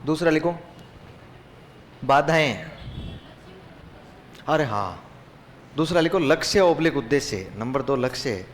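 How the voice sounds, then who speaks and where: A man teaching a class, who dictates points slowly, repeats them, and chats and jokes with the students. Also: mid-range voice, expressive, a little hiss or hum.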